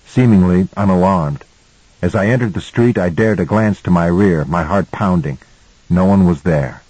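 Guy reading an audiobook, deep voice, kinda husky, steady storytelling. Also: no echo, rough recording. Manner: measured storytelling. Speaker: audiobook narrator. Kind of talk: scripted first-person audiobook narration.

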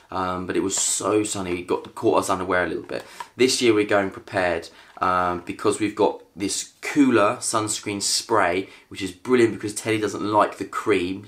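A British family vlogger in his thirties sits on a living room sofa chatting casually about gear in a product haul, filmed by a camera on a tripod in front of him. His voice is on the low side and a bit bright, he's upbeat and chatty and laughs between items, with slight background noise.

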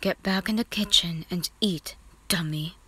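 A woman's voice: lowish voice, unhurried, a bit bright, slightly rough. Killua, a woman whispering as a teasing teenage boy. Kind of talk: whispered role-play.

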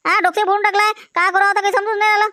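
A woman playing a rapid, insistent village widow. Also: very high-pitched, little pitch movement, bright, forceful tone, dry recording, studio quality. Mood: shocked. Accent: Varhadi Marathi. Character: distraught village widow seeking justice. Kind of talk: rural comedy skit acting.

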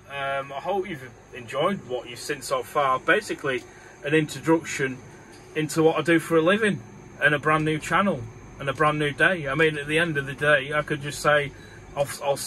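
A man's voice: on the high side, sharp tone, a little hiss or hum, poor audio. A man from Morecambe with a northern English accent, rambling casually as he talks through his work as a crane operator from inside the cab. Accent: northern English, Lancashire. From Morecambe, northern England. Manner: chatty and rambling, with easy chuckles. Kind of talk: casual vlog commentary. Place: inside a tower crane cab high above a site.

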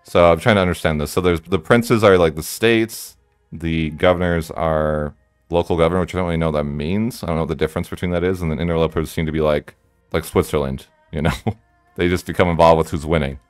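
A man with a deep, smooth voice talks casually over a strategy game, thinking aloud and rambling. The sound is dry and close. Faint music plays underneath. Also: fairly even intonation, fast talker, no echo. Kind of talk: casual gameplay commentary.

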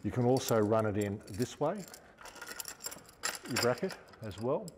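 Chatty and hands-on, an outdoor gear store presenter in his fifties with an Australian accent demonstrates gear in a large indoor showroom. His lowish voice swings widely in pitch at an unhurried pace, with large-hall acoustics and background noise.

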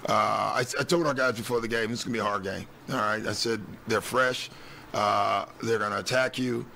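Older male coach, postgame presser, blunt and plainspoken, lowish voice with a bright, forceful edge. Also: steady tone, a little fast, vocal fry, slight background noise. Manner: blunt, matter-of-fact, frequent ums. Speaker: head coach. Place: team press room. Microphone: desk mic on stand.

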